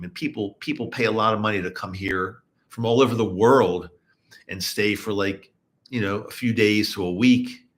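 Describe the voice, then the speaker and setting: A fairly low, somewhat bright voice belongs to a middle-aged podcast host from the US East Coast, broadcasting live from home in Utah. He talks casually with his listeners, rambling and often repeating words or restarting.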